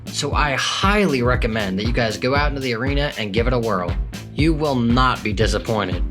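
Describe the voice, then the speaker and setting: A man of middle pitch reads out a game guide in a playful, upbeat way. His voice sits neither high nor low, and soft music plays faintly beneath him. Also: lively intonation, fairly quick. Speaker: co-host of a gaming channel. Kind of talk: scripted game guide narration.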